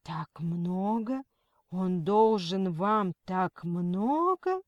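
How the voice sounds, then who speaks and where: A woman's voice: mid-range voice, measured pace, dry recording, dull audio, natural voice. Woman voicing a frantic, stubborn mother. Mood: agitated. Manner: agitated, firm. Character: frantic but stubborn middle-aged mother.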